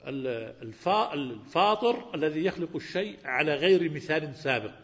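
A man's voice: fairly high pitch, expressive, normal speed. A man teaching a Quran lesson, asking his students questions and repeating key words. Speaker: religious teacher. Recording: reverberant hall, dull lo-fi sound.

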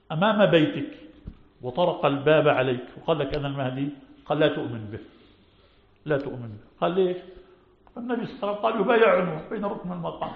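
A man, a religious scholar, answering listeners' questions in a lesson and repeating key phrases for emphasis. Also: a little high. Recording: echoey, phone-like lo-fi sound.

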